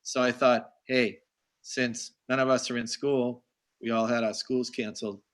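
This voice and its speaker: Guy hosting a live video call, rambly and chatty, middle pitch, keeps circling back. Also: level tone, a little slow. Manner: rambling, chatty, warmly complimentary. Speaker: host. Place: home in Boston.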